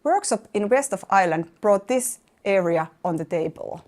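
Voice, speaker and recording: A woman narrating a workshop overview in a measured, formal delivery. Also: mid-range voice, animated, a little mellow. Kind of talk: scripted narration.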